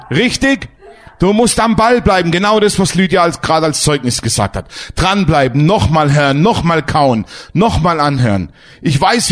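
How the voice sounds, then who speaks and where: A man preaching a sermon as pastor, emphatic and lively, asking his congregation questions. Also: a little high.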